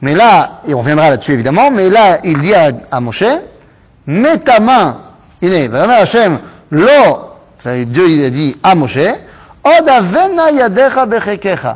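A man teaching a lively Bible study class, asking quick rhetorical questions and mixing Hebrew terms into his talk. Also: fairly high pitch. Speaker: Torah teacher.

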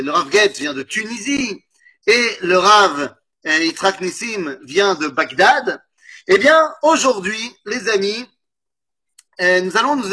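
A man with a French accent giving an informal Torah class, animated, often correcting himself and asking and answering his own questions. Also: high-pitched, breathy edge. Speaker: Torah teacher.

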